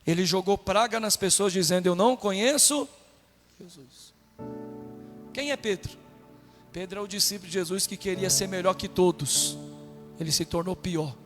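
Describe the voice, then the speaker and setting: A man from Brazil, a pastor preaching a sermon with animated delivery, acting out quotes in a raised voice. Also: sits high, fairly quick. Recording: long hall reverb with faint music.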